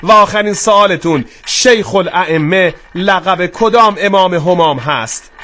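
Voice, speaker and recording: High voiced guy hosting a live quiz, brisk, speeds up and slows down, lots of drawn out uhs. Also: bright, forceful tone, a little hiss or hum. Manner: brisk, pace swinging from slow to quick. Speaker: quiz show host.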